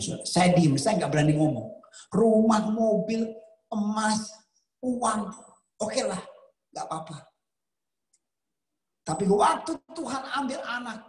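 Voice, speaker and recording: A man preaching a sermon, telling a personal story and rising to emphatic near-shouts, with English words slipped into his talk. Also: sits high. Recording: roomy echo.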